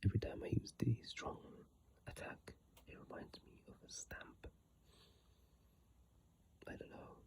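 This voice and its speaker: An ASMR video creator reads game descriptions aloud, whispering softly and breathily close to an iPhone microphone. She takes her time, adding hesitant, casual asides along the way.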